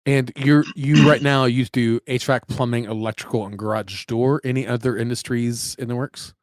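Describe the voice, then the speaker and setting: A man's voice: medium pitch, steady tone, moderate pace, dry recording. A man hosting a business interview, asking questions enthusiastically and with many fillers. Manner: enthusiastic, agreeing, filler-heavy. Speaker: podcast host.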